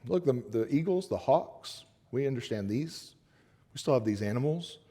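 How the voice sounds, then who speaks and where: A man's voice: mid-range voice, animated, normal speed, dark tone, husky. Guy preaching, casual and jokey, reads a verse then retells it like a normal conversation. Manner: casual, joking asides with laughs; paraphrases scripture in everyday speech. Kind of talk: sermon.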